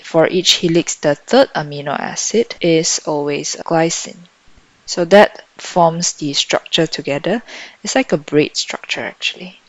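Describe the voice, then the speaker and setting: A woman tutor thinking out loud as she works through exam questions in a lesson, on a dull lo-fi microphone. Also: low-pitched, measured pace, no room sound. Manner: thinking out loud while solving. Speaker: biology tutor.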